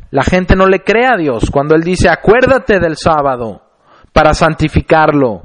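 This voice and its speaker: A male preacher with a voice that sits a little high for a man, delivering a sermon. He reads scripture aloud and then explains it. He speaks deliberately and slows down to stress key phrases.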